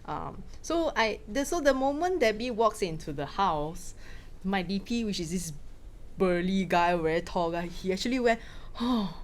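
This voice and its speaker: A woman from Malaysia, a film director, answering questions in a casual talk with quick anecdotes and frequent laughs. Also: medium pitch, animated, slight background noise. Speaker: film director giving a masterclass.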